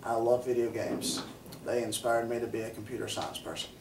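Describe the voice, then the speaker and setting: A man's voice: medium pitch, little pitch movement, brisk, background noise. A twenty-one-year-old man, a computer science student, talking enthusiastically in an interview, recorded by a camera across a small room. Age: young adult. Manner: upbeat, enthusiastic. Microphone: camera mic at a distance. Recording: echoey room, distant mic.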